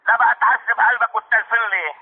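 A man's voice: very high voice, fast talker, breathy edge. A man with a Lebanese accent putting on a hot-tempered, foul-mouthed man in a prank phone call, repeating himself and hurling insults. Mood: insistent. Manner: repetitive, insistent, hurling insults. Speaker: prank caller. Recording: tinny phone line.

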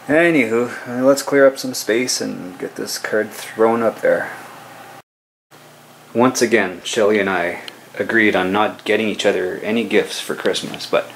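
A man's voice: on the low side, measured pace, creaky, fairly bright tone, a little hiss or hum, low-quality recording. Laid-back chatty man vlogging at home. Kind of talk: casual home vlog. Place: home kitchen and living room. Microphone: camera mic.

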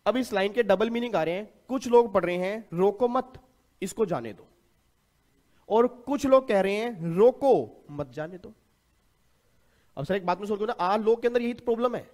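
Animated high-voiced tax lecturer. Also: male voice. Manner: animated, asks students questions and answers himself. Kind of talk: classroom lecture.

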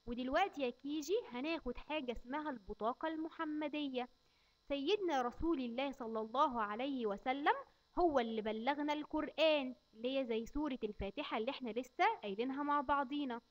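A woman with an Egyptian Arabic accent teaching small children to recite, slowly drawing out each phrase for them to repeat. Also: sits high, muffled recording. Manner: slow, drawn-out recitation for repeating. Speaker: kindergarten teacher.

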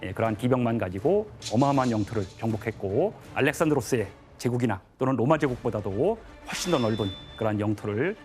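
A man lecturing on history in a TV studio, measured and explanatory, often pausing with little "yes" fillers. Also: mid-range voice, animated, darkish tone, faint music behind.

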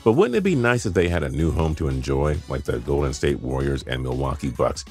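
A man's voice: extremely low pitch, sing-song, brisk, a little mellow, soft background music. A man reading a scripted sports countdown, opinionated and wry. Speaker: sports video narrator.

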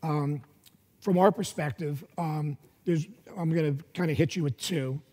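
A man in his fifties speaking as a panelist at a conference, halting with many fillers, on a headset mic in a large hall. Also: fairly high pitch, steady tone, a little mellow. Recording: long hall reverb.

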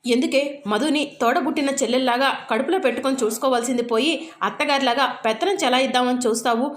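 A woman's voice: high-pitched, fast, reverberant, natural voice. A woman reading the lines of an angry man scolding his wife.

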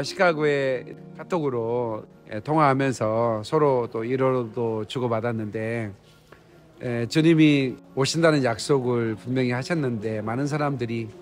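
Middle-aged man interviewing over faint music. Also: mid-range voice. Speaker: interviewer, pastor. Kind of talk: casual interview conversation. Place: indoor hotel lobby lounge. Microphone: handheld phone.

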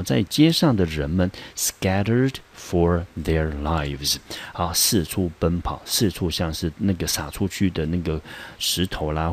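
A man teaching an English vocabulary word, explaining step by step in Taiwanese Mandarin and reading the example sentences slowly with emphasis. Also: low-pitched, slightly rough. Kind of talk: vocabulary lesson.

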